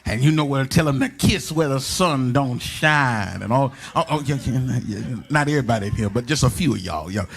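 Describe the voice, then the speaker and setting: A male pastor, preaching a sermon in a church in a sing-song cadence that builds into shouted, chanted lines, repeating phrases for the congregation to answer. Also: mid-range voice, animated, a little fast, creaky, hardly any pauses. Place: church sanctuary.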